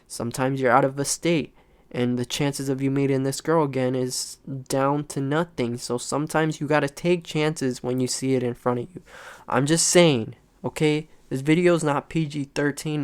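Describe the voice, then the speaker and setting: A young man of nineteen speaks his mind in a loose, rambling vlog, blunt and unfiltered. His voice sits at an ordinary pitch and comes through smooth and clear. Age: young adult. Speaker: content creator. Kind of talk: unscripted personal vlog talk.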